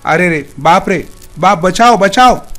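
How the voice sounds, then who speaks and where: A man's voice: sits high, slow, faint music behind. A man voicing a grief-crazed old village father who cries out and begs in rustic dialect. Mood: panicked.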